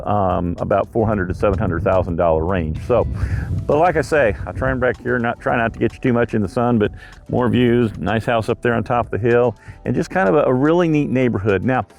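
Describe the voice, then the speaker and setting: A male real estate agent gives a casual, chatty tour of a home and its neighborhood, sometimes outdoors, rambling with lots of filler sounds. His voice is mid-range, creaky and a little mellow.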